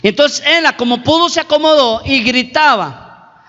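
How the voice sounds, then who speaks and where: A man's voice: extremely high pitch, unhurried, sharp tone. A man preaching a sermon as pastor, emphatic, repeating and stretching key words. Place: church hall. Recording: reverberant hall, dull lo-fi recording.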